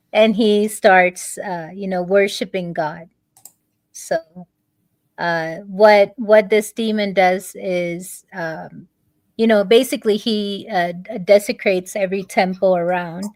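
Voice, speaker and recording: A woman, a guest in a conversation, telling a long story in a halting way, pausing on many fillers and restarts. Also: medium pitch, steady tone, darkish tone, no room sound.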